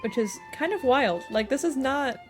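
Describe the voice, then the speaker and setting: A woman with a high-pitched, expressive voice talks at a moderate pace while streaming a video game, chatting casually to viewers and adding playful jokes. Video game music runs beneath her voice.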